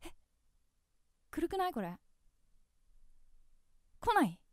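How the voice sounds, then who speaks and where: A young woman giving animated, jumpy commentary as she plays a horror game, calling herself by name. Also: extremely high pitch, slow pace, background noise. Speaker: game streamer.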